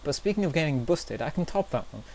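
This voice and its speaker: A man's voice: a little high, lively intonation, fast, darkish tone. A young man tells awkward stories to his camera in a chatty, self-deprecating way. He hedges with fillers and laughs at himself. A faint hiss sits under the recording. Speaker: vlogger. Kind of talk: casual storytelling vlog.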